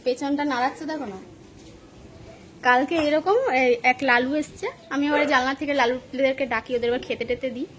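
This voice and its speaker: A woman's voice: sits high, fairly even intonation, moderate pace, a crowd in the background. A woman, chatting to her viewers while cooking at home and telling stories with frequent laughter. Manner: chatty, storytelling, laughing often. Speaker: vlogger. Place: home kitchen.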